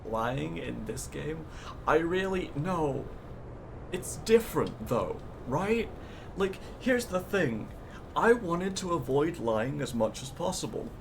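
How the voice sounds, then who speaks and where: A man's voice: fairly high pitch, big pitch swings, slow, vocal fry. Wry man streaming over noisy game sound. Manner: wry, joking reactions. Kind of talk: casual live game commentary.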